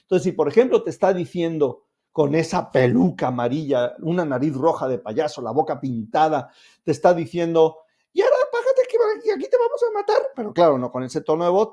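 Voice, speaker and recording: A man's voice: a little high, lively intonation, fairly quick, mellow. A man giving a self-help lesson to camera, explaining steps directly to the viewer in an upbeat, coaxing way. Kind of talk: instructional talk to camera.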